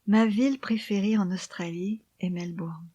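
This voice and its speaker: A woman reading memoir and poems in a soft, hushed library whisper, with slow, deliberate phrasing. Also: mid-range voice, husky, no room sound. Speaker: author reading her own book.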